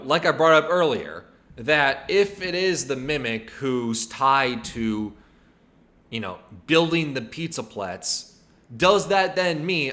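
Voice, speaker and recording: A male streamer talks loosely over a video he is reacting to. His voice is bright and forceful, and he wanders through his points with many fillers and hedges. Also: mid-range voice. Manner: rambling, hedging, many fillers. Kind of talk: casual live-stream commentary.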